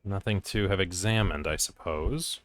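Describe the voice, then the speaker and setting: Very low-voiced man muttering through a game. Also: moderate pace, a bit bright, no room sound. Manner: muttering to himself in short fragments; reads on-screen text aloud. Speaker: gamer playing and commenting on a video game. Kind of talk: casual gameplay commentary.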